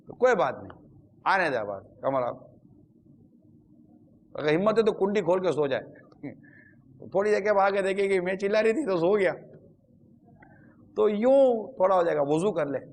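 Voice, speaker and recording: Earnest man giving religious advice. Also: a little high. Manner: earnest, advising, with pious formulas and quoted asides. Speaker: religious speaker on marriage. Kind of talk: religious talk to viewers.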